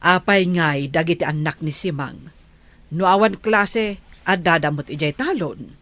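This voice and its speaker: A woman's voice: lowish voice, a little slow, a bit bright. A woman playing a nosy, probing village neighbor with an Ilocano accent in a radio comedy drama.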